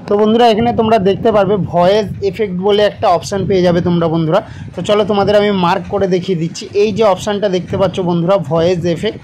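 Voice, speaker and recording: A man hosting a tutorial channel narrates an app tutorial in a scripted-sounding way, repeatedly speaking directly to viewers as he walks through each step. His voice is high-pitched with a darkish tone, and the rough recording carries a little hiss or hum.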